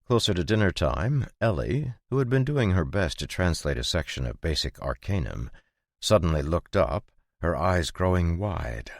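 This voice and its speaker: A male narrator reads a fantasy audiobook in an extremely low, booming register. His delivery is even and measured, and the recording is bone-dry and close to the mic. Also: no echo. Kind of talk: scripted narration.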